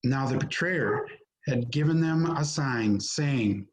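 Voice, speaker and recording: A man narrating scripture from a script in a deliberate, solemn manner. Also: mid-range voice, animated, poor audio. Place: remote recording on a video call. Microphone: video call.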